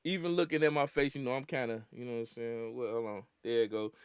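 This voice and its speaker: A man's voice: mid-range voice, steady tone, quick pace, clear, resonant tone, dry recording, clean studio sound. A young man hosting a podcast in casual, slangy chat, often laughing as he talks. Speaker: podcast host.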